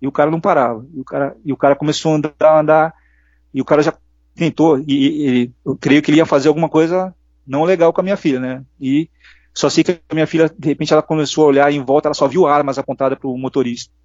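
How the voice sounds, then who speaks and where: Fast-talking Brazilian man, earnest testimony. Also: on the high side, fairly even intonation, darkish tone, no echo. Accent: Brazilian Portuguese. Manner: earnest storytelling, acts out quoted voices. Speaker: interview guest. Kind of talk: casual interview testimony. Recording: dull lo-fi dry sound.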